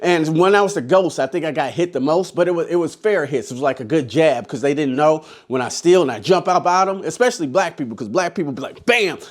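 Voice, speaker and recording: A man's voice: on the high side, quick pace, few pauses. A man in his forties, a haunted house scare actor, telling stories in a rambling, profane way with many restarts. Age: 40s. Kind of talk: casual storytelling vlog.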